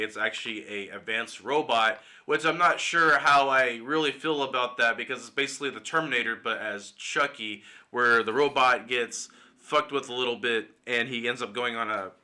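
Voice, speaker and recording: A man's voice: medium pitch, pushed and bright. A man giving casual, speculative solo commentary for his channel, opinionated and swearing now and then. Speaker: YouTube movie commentator. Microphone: desktop mic, screen-recorded video.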